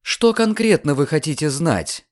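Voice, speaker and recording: A man voicing a sharp, proud young maid in an audiobook reading, speaking curtly and defiantly. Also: on the high side, big pitch swings, a little slow, pitched above the performer's own voice. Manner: curt, defiant.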